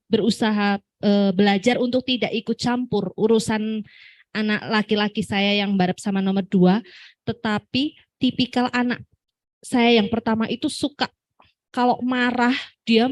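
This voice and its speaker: A woman's voice: medium pitch, no room sound. A woman in the audience of a parenting seminar asks a question, hesitating and searching for words. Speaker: audience member asking a question. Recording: dull, dry microphone sound.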